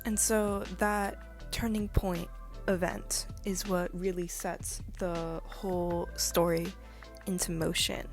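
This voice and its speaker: A woman's voice: mid-range voice, a little mellow. Woman, casual vlog narrator, morning voice, rambling friendly delivery, faint music bed. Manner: chatty, rambling, with frequent fillers. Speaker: comic artist and YouTuber.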